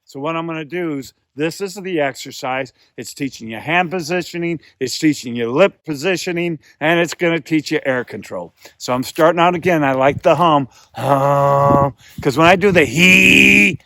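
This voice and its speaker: A man's voice: fairly high pitch, animated, moderate pace, few pauses, pushed and bright, dry recording. A man giving a hands-on beginner tutorial as a calling instructor, explaining patiently and repeating himself as he demonstrates.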